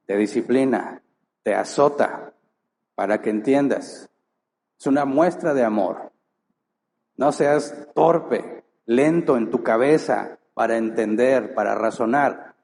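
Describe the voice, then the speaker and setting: In a church hall with long, echoing reverb, a man preaches as pastor in a mid-range voice with a darkish tone. He is emphatic, asks rhetorical question after rhetorical question, and performs brief quoted lines.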